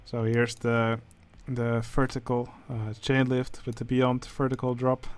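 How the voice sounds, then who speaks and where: Flat-voiced Dutch man, hesitant. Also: mid-range voice, unhurried, clear, resonant tone. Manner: hesitant, many filler sounds. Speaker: channel host judging a building contest. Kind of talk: casual game commentary.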